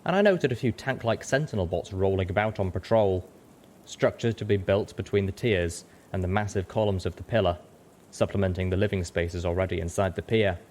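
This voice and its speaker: A man narrates a story aloud in the dramatic style of an audiobook reader. His delivery is brisk and his tone darkish, with rumbling noise in the background of the recording.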